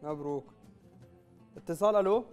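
A man's voice: on the high side, normal speed, a little mellow, faint music behind. A man in his thirties with a Yemeni Arabic accent, presenting a live TV call-in quiz and announcing prizes. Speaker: TV quiz show host. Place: TV studio.

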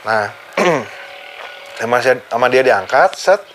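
A man's voice: mid-range voice, slow, a little hiss or hum. Man speaking with a lilt, retelling it casually. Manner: animated, chuckles while telling, acts out the quoted voices. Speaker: vlogger recounting his accident. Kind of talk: casual first-person storytelling.

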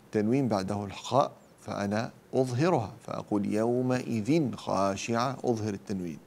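Man, low gravelly voice, tajweed teacher, asks rhetorical questions, recites verses slowly. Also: darkish tone, a little hiss or hum.

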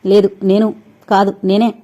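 Narrator as a plain-spoken young mother, dark mellow voice. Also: medium pitch, little pitch movement, normal speed, muffled recording, lightly acted. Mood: matter-of-fact. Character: calm young woman, nurse-like, cradling a baby.

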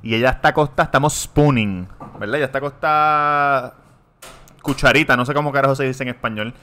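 A man, co-hosting a casual podcast and telling crude, animated stories. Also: medium pitch, fairly quick. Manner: animated, profane storytelling. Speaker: podcast co-host. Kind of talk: casual chat.

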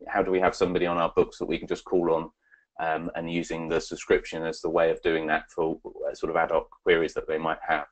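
A low-voiced man presents a webinar and takes questions, speaking haltingly with many fillers and restarts.

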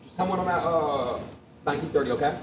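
A man's voice: a little high, quick pace. A young man in casual, slangy, insistent banter, recorded outdoors. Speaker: challenge participant sitting in an ice bath. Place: outdoor driveway at night. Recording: noisy echoey outdoor stream, distant mic.

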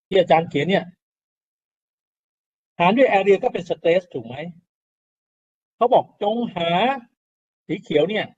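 A man's voice: high voice, a little mellow. Lo-fi recording of a lecturing man. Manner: explanatory, repeats key terms, rhetorical questions to students. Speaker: university lecturer. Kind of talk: classroom lecture on soil mechanics. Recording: dull lo-fi classroom recording.

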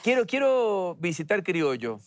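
A man hosting a TV interview, asking playful, teasing quick-fire questions in a casual tone. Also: high voice, very animated, very noisy. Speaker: TV host and interviewer.

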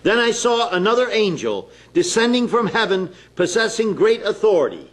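A man preaching a sermon in a slow, deliberate, emphatic way, pausing between phrases. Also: high voice, very animated.

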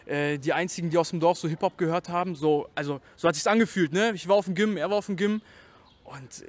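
A man's voice: fairly high pitch, fast. A man in his twenties from Germany, a rapper guest chatting casually and telling stories in slangy, loose talk. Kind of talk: casual chat.

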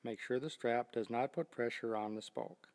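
An older man giving a steady, scripted step-by-step demonstration of loading bikes onto a rack. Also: mid-range voice, moderate pace, big-room sound. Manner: steady, methodical step-by-step explaining. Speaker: product demonstrator. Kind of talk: scripted instructional narration.

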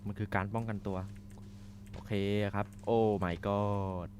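A young man commentating a horror game as he plays, swearing and shouting when startled. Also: fairly low pitch, fairly even intonation, slow, a little hiss or hum. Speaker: gaming streamer.

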